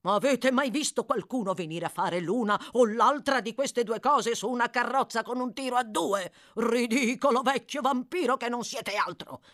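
Woman playing a shouting irascible old doctor. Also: medium pitch, huge pitch swings, unhurried, slightly rough, exaggerated voice. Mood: furious. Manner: explosive, barking questions. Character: irascible elderly male doctor, hot-tempered and shouting.

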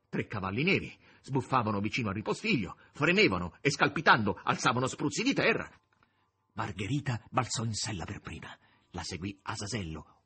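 Male audiobook narrator, husky, lively delivery. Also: mid-range voice. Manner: dramatic, varied intonation. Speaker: audiobook reader. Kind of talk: expressive literary reading.

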